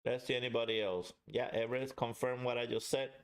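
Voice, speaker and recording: Male livestream host, medium pitch, casual and chatty, talks straight to the audience. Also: steady tone, a little fast, poor audio. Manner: chatty, addresses viewers directly. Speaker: livestream host and pipe reviewer. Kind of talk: casual live chat with viewers.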